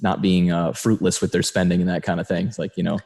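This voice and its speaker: A man's voice: deep voice, level tone, fast talker, gravelly, darkish tone. A man hosting a podcast, chatting casually with many fillers and easy laughter. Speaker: podcast host.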